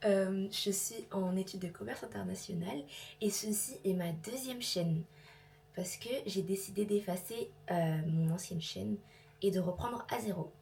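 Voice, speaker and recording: A woman's voice: mid-range voice, a little slow, gravelly, darkish tone, breathy edge. A woman in her twenties chatting casually in a home vlog, rambling and mixing in English words. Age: 20s. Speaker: vlogger.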